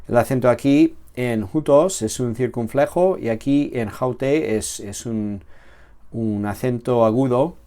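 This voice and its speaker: Slow, methodical male teacher. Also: mid-range voice, a little mellow. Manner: slow and explanatory, with fillers and restarts. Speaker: Greek teacher. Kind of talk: recorded grammar lesson.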